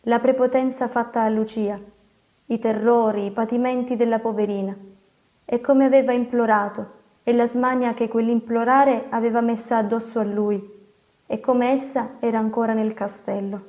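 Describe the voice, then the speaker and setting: A woman narrates a classic novel in a steady, expressive reading. Her voice sits slightly high yet sounds warm and mellow. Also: moderate pace. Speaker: audiobook narrator.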